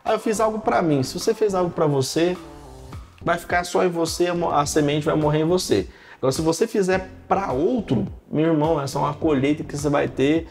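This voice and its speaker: A man's voice: on the high side, brisk, soft background music. A man in his thirties, a pastor, telling stories in a casual podcast chat and filling his talk with "cara" and "né". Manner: animated storytelling, frequent "cara" and "né".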